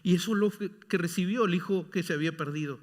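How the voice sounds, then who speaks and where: A male pastor preaching a sermon, emphatic, dropping at times into soft whispers. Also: high voice, fast talker, long reverb tail. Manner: emphatic, shifting between loud exclamations and soft whispers. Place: church sanctuary.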